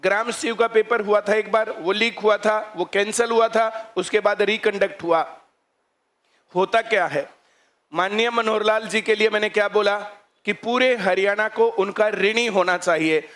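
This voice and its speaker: A man's voice: sits high, steady tone, normal speed, fairly bright tone. A man teaching at a coaching centre, lecturing students on current affairs and firing rhetorical questions at them.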